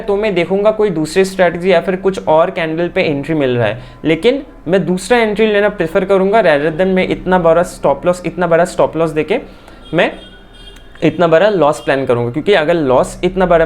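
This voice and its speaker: Fast-talking man teaching a chart lesson. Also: high-pitched. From India. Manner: fast, repeats phrases, says "theek hai" often. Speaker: stock market trading teacher.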